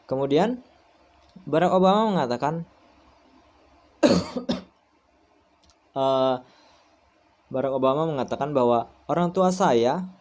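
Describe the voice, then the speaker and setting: A man's voice: medium pitch, darkish tone. A young man in his twenties, a university student giving a recorded class presentation, speaking hesitantly with frequent fillers and restarts. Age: 20s.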